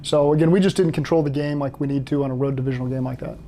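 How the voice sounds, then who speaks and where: Fast-talking man with a dark, even voice. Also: mid-range voice, a little hiss or hum. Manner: steady, matter-of-fact coaching talk. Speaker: head coach. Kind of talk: interview answers and film breakdown.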